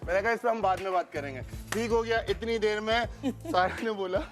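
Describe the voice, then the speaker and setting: A high-pitched man retells events on a reality show. He acts out what others said in an animated way. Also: brisk, loud music behind the voice. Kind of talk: casual storytelling.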